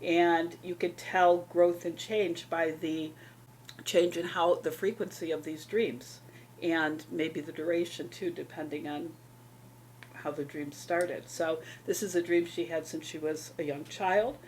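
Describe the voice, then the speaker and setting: A woman hosting a dream interpretation talk, explaining in a measured way. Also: lowish voice, fairly even intonation, darkish tone, a little hiss or hum. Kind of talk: counseling interview.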